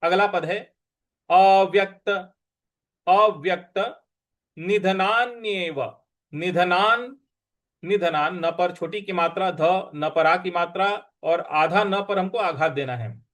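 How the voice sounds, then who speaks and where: A man leads a slow recitation lesson, breaking each word into syllables and marking where the stress falls. His voice sits fairly high for a man. He chants the lines unhurriedly between plain explanations. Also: a bit bright. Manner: spells out syllables and stresses patiently, chants verses. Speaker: Sanskrit scripture teacher.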